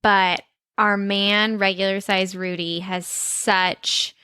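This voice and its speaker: A woman's voice: medium pitch, level tone, slow pace, pushed and bright, smooth, no echo, studio quality. A young woman co-hosting a podcast, chatty and enthusiastic, with frequent ums and likes. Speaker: podcast co-host. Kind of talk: casual chat.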